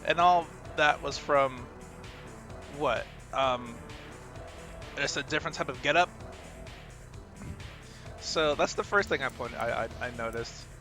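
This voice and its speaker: A gaming video creator gives casual, unscripted coaching commentary on a fight game replay, his medium-pitched voice a little slow with long pauses. He thinks aloud hesitantly and repeats himself, over loud fighting game music and combat effects.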